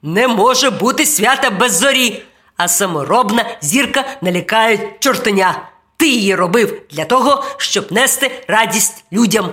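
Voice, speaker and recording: A woman's voice: mid-range voice, expressive, moderate pace, fairly bright tone, natural voice. A woman voicing a loyal, brave male dog in a children's storybook, speaking firmly and urgently. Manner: barking, urgent and firm.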